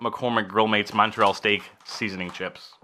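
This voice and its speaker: A man's voice: on the low side, steady tone, normal speed, bright, forceful tone, slight background noise. A man chatting casually as the co-host of a review show. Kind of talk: casual chat.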